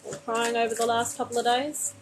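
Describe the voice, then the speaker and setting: A woman gives a live-streamed tarot reading over a phone mic, calling her viewer honey. Her slightly high voice has little pitch movement and a fairly quick pace, and her soothing delivery wanders with many fillers and restarts. Background noise is audible.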